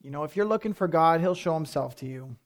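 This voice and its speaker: A man gives a sermon in a fairly high voice. He speaks to his congregation in an easy, conversational way and then presses his points with firm emphasis. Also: animated, fast talker. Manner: conversational preaching that rises to forceful emphasis. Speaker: pastor.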